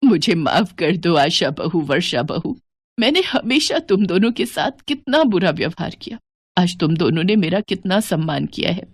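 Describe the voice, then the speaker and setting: A woman voicing a grieving widowed mother-in-law with a lower, slower, tearful delivery for an animated moral story. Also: breathy edge, no room sound, exaggerated voice. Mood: remorseful, tearful.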